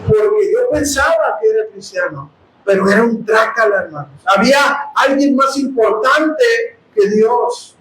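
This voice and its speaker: A man with a Mexican accent preaching a sermon testimony, impassioned and often bursting into shouts as he addresses his brothers. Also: high-pitched, lively intonation, a little slow, echoey room, a little hiss or hum, low-quality recording. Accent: Mexican Spanish. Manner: impassioned, bursts into shouting, calls listeners "hermanos". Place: house of prayer.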